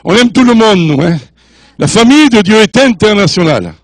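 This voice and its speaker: High-voiced jovial older preacher man. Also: expressive, fairly quick, dry recording. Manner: jovial, joking with the congregation; mixes French, English and Spanish. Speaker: guest preacher. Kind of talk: sermon. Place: church.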